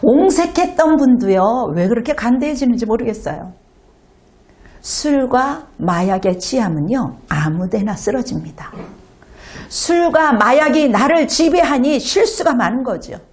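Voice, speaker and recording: A woman pastor giving an animated sermon to a congregation in a church, sometimes acting out children's voices. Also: fairly high pitch, measured pace. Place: church sanctuary.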